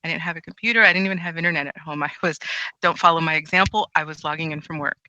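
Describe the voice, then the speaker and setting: This woman co-hosts an online presentation from her home. She chats easily and laughs often. Her tone is sharp and bright, and the recording is dry and close. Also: deep voice, rapid-fire, no room sound, dull audio. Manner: giggly, chatty, laughs often. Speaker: co-presenter of a volunteer program talk.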